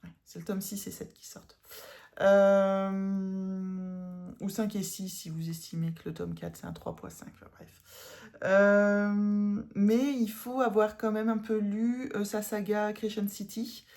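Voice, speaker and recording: A woman's voice: mid-range voice, steady tone, unhurried, darkish tone. A woman with a northern French accent, chatting casually about her cross-stitch haul, rambling with fillers and correcting herself, tired. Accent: northern French, Ch'ti.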